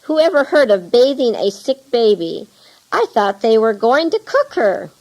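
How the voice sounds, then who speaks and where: A woman's voice: fairly high pitch, sing-song, unhurried, darkish tone, exaggerated voice, rough recording. A woman reading as a frightened village mother. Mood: relieved. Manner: pleading, worried exclamations.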